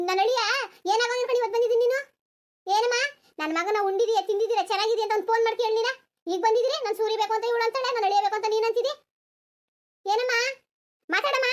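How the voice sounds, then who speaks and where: A voice actor playing an angry village mother-in-law in a cartoon, scolding with accusing questions. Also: extremely high pitch. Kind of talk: cartoon voice acting.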